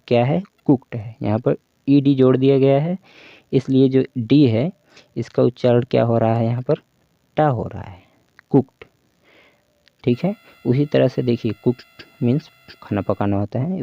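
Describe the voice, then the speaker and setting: A man talks through a pronunciation lesson and keeps repeating each rule with little check-ins. His voice has a gravelly, creaky edge, and the recording is dull and lo-fi. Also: medium pitch, dry recording. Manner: repetitive, checks in with "ठीक है" and "देखिए". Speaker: English pronunciation teacher. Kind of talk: explanatory lesson over slides.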